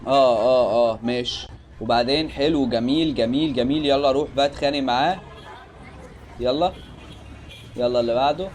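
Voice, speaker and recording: A man's voice: medium pitch, a little fast, long pauses, darkish tone. A man with an Egyptian accent giving casual, joking reaction commentary on videos, exclaiming in disbelief.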